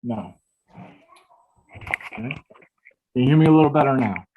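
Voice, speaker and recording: A man's voice: medium pitch, lively intonation, normal speed, narrow, tinny audio, slight background noise. A male architect speaking on a video call whose audio cuts in and out, hesitant and repeatedly checking whether he can be heard. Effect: video call audio cutting in and out. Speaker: architect presenting to a town board. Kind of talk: remote meeting presentation.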